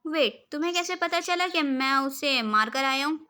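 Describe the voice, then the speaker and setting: A stubborn young man full of jealousy speaks in sullen, bitter retorts, voiced by a woman reading the story. His voice sits high. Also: animated, moderate pace, pushed and bright.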